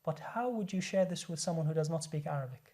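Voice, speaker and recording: Talking very fast, a male doctor guest in a studio discussion lays out his points earnestly in an expressive, warm voice that's a little high. He often repeats words when restarting a sentence.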